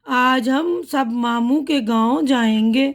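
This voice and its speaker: A woman reading the part of the schoolchild Shada from a primer dialogue, slowly and carefully. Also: high voice. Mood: cheerful. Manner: slow, careful reading aloud.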